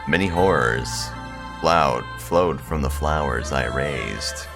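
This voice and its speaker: Over background music, a man with an extremely low, slow voice full of vocal fry hosts a gaming video. He chats casually and reads visual novel text aloud, joking in a blunt, crude, sweary way.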